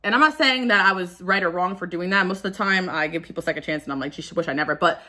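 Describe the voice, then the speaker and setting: A woman's voice: lowish voice, quick pace, pushed and bright. A woman giving a casual pick-a-card tarot reading, candid and confessional, who often stumbles over her words.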